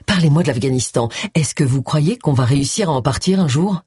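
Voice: medium pitch, animated, fairly quick, a little mellow, breathy edge, no echo, studio quality. A reader voicing James, a self-assured retired male army colonel, in an audiobook, speaking in a confident, inviting way.

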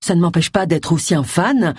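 A woman voicing an eager young male detective, earnest and flattering, with a husky voice. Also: on the low side, fairly quick, dry recording, studio quality.

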